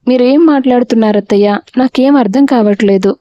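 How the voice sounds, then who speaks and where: A woman voicing a gentle, polite young daughter-in-law in an audio storybook. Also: a little high, brisk, dry recording, lightly acted. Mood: polite puzzled. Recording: dull, dry lo-fi recording.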